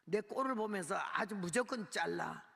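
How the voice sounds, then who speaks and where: A woman in her eighties, a missionary preacher, giving a lively testimony sermon with a gravelly voice and acting out the people in her story. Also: medium pitch, moderate pace. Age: 80s. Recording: long hall reverb.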